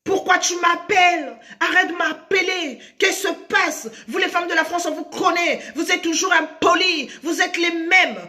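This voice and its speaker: A woman's voice: high voice, moderate pace. A woman playing a scornful cheating husband. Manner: mocking, scolding, shouting. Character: scornful unfaithful husband on the phone.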